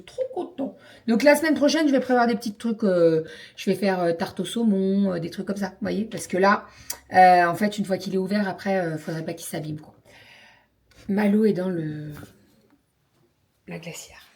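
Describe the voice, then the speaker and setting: Woman vlogging at home, chatty and slangy, lots of ums, mid-pitched everyday voice. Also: moderate pace, a little mellow. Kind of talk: casual daily vlog chat.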